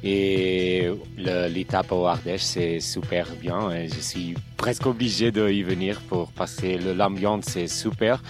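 A very low-pitched man in his thirties speaks with a Portuguese accent, his first language showing as he halts to find his words. Music plays clearly in the background throughout. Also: fairly even intonation. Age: 30s. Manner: halting, searching for words in a second language. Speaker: slackline instructor and competitor. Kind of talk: interview answers. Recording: music playing behind the voice.

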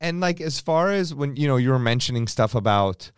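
A man hosting a podcast, talking easily and thinking out loud in casual conversation. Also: mid-range voice, lively intonation, a little fast, clear, resonant tone, no echo, studio quality. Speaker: podcast host.

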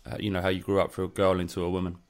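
Hesitant low-voiced male host. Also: monotone. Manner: hesitant, halting questions. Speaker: podcast host. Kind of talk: interviewing a guest.

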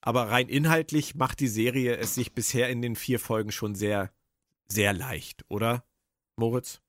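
A man's voice: medium pitch, fairly even intonation, normal speed, a bit bright, no echo, studio quality. A man hosting a casual discussion podcast, probing and putting questions to his co-hosts. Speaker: podcast host.

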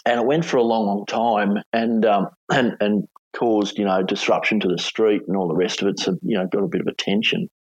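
Middle-aged Australian male interviewee, low husky voice, casual halting storyteller, dull sound. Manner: hesitant, halting, casual phrasing. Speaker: former police hostage negotiator, interview guest. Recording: dull, echoey room recording.

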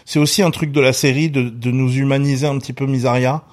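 A man's voice: mid-range voice, steady tone, quick pace, a little mellow. A man co-hosting a stream debriefing a TV episode, chatting casually and chiming in with short agreements. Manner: laid-back, frequent short agreements. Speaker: co-host of a series debrief stream. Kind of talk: casual chat.

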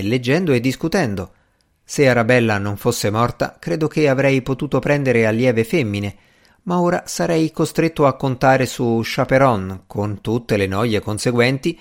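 A man's voice: mid-range voice, close to an everyday voice. A man reading the part of an ambitious, impatient young male magician in an audiobook, earnest and easily irritated.

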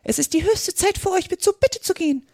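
A tiny canary, piping and trembling at a very high pitch. It chirps out urgent calls to its young. Dry recording. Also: female voice, expressive, brisk, warm tone, no echo. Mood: anxious.

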